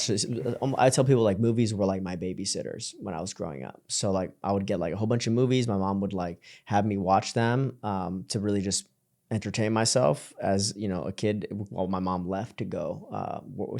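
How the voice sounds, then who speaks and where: A young man from Colombia, a podcast guest telling his story in casual chat, relaxed and full of fillers and restarts. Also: fairly low pitch, fairly quick, vocal fry. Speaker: podcast guest, creative entrepreneur.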